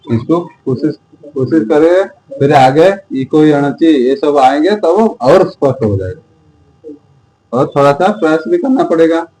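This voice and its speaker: A man teaching Sanskrit grammar slowly, asking the class questions again and again and drilling sounds aloud. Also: a little high, animated, mellow, husky, low-quality recording. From India. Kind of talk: slow repetitive teaching.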